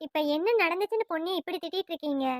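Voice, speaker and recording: A woman's voice: very high-pitched, rapid-fire, dry recording, clean studio sound. A woman doing a wistful envious sister-in-law.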